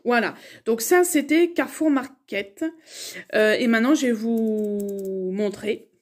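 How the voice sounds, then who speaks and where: A woman's voice: a little high, takes it slowly, a little mellow. A young adult woman chatting casually through a shopping haul video, rambling with many fillers and restarts. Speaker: vlogger.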